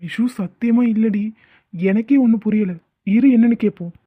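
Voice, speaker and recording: A woman voicing an exasperated young husband in an animated comedy, teasing and pleading with his wife. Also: medium pitch, moderate pace, breathy edge, dry recording, lightly acted. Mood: coaxing. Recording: tinny phone-like sound.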